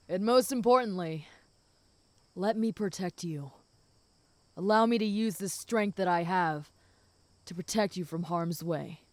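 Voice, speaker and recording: A woman voicing a flirty, possessive and protective female werewolf in an intimate audio role-play, speaking teasingly to the listener in a smooth voice. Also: on the low side, no room sound, natural voice. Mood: gentle, protective. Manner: flirty, teasing, with soft chuckles.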